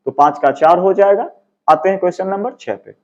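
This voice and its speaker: Brisk and high-pitched, a male teacher with a Bihari Hindi accent goes over exam answers in a slightly mellow voice, with the high frequencies cut off. He explains by asking questions and then answering them.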